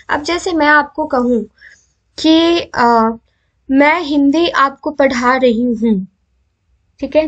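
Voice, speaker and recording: A young woman with a high voice teaches a grammar lesson for exam prep. She poses questions to her class and answers them herself, and draws out each letter slowly so viewers can say it along with her. The audio is a little dull and muffled. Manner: sounds out letters slowly for students to repeat.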